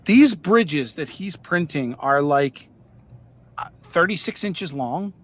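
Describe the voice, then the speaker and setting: A man hosting a casual livestream about model railroading, talking in a relaxed, rambling way with plenty of fillers while he paints. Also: a little high, slow pace. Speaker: model railroad hobbyist host.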